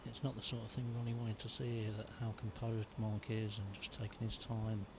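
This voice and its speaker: A man's voice: lowish voice, flat delivery, fairly quick, noisy background. A man giving conversational, slightly hesitant snooker analysis as a co-commentator. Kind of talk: informal live snooker analysis.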